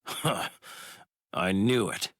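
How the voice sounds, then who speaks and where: A man's voice: low-pitched, very slow, slight background noise, exaggerated voice. An actor voicing a brash, arrogant male warrior in an anime game, aggressive and commanding. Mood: gruff. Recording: game cutscene with loud music.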